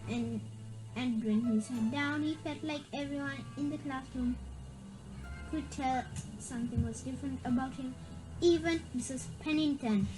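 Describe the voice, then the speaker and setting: This reader has a high-pitched voice and keeps a moderate pace while working through a spooky story for kids, tripping up and repeating words now and then. The audio is poor, with music in the background.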